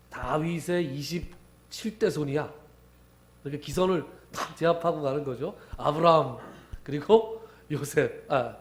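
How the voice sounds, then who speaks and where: A man preaching from the pulpit, his voice sitting a little high for a man. He tells the story conversationally, asking questions and answering them himself. The sound carries the echo of a church sanctuary. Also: a little mellow. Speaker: pastor. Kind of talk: sermon.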